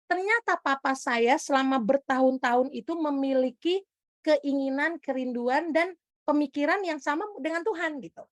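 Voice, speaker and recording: High-voiced woman preaching with animated storytelling. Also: normal speed, no room sound, clean studio sound. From Indonesia. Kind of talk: testimony sermon to a congregation.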